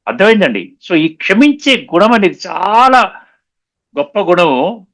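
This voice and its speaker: A man giving a spiritual discourse, explaining patiently, slowing down on key sayings and often checking that listeners understood. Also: sits high, big pitch swings, a bit bright. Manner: mixes English words into his talk; repeats and slows down on key sayings. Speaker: spiritual lecturer.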